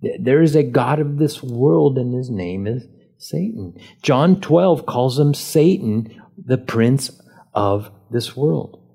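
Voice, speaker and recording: A man's voice: medium pitch, animated, slow pace, gravelly, mellow, slightly rough. A man preaching a sermon as pastor, leaning on key words and asking rhetorical questions.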